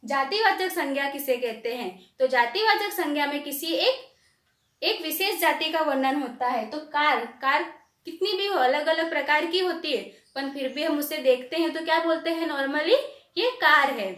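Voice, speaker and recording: A woman teaching young pupils a grammar lesson, dictating definitions slowly and asking questions she answers herself. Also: high voice, fairly bright tone, roomy sound.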